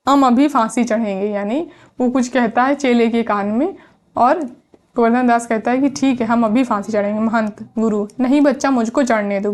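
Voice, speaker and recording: A woman's voice: a little high, darkish tone. A woman teaching literature, reading a play's lines aloud and then explaining each one in plain words. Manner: reads dialogue then paraphrases it plainly.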